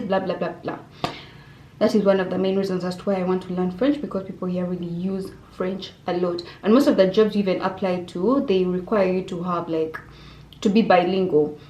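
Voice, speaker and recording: Young woman, casual Q&A vlogger, expressive and chatty, talks straight to camera in a roomy-sounding bedroom. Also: on the low side. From Uganda. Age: young adult. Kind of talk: casual Q&A vlog. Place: bedroom indoors. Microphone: camera on desk facing her. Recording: roomy bedroom echo, faint hum.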